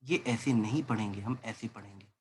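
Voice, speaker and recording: In a physics lecture, a man with a lowish, somewhat mellow voice speaks at a moderate pace over slight background noise. Calling the listener "beta," he encourages students and raises their doubts as questions.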